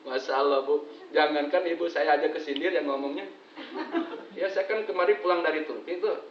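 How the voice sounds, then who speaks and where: A man with a Sundanese accent giving a humorous religious talk to pilgrims, telling lively stories and mimicking people. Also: fairly high pitch, brisk, a little hiss or hum. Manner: jokey, lively storyteller who mimics voices. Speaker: preacher. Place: hotel hall in Makkah. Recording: echoey room, distant dull mic.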